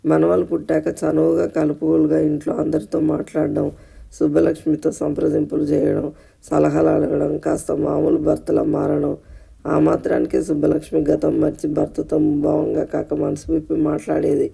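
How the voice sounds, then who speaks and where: Gravelly monotone male storyteller. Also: a little high, normal speed. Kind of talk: scripted story narration.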